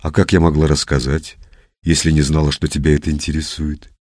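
A man reading an audiobook voices a sharp-tongued young woman, cool and mocking. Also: rumbling low, level tone, a little fast, no echo, studio quality.

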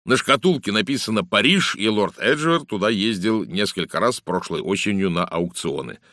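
A man voicing a brisk, blunt middle-aged police inspector in an audiobook, talkative and matter-of-fact. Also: fairly low pitch, animated, bright, forceful tone, dry recording, clean studio sound, voice pushed up. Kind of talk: audiobook character voice.

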